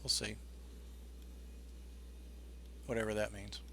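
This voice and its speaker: A man's voice: fairly low pitch, little pitch movement, takes it slowly, vocal fry, pushed and bright, slight background noise. A man giving casual, think-aloud commentary as the pilot in a flight simulator game. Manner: informal, thinking aloud while flying.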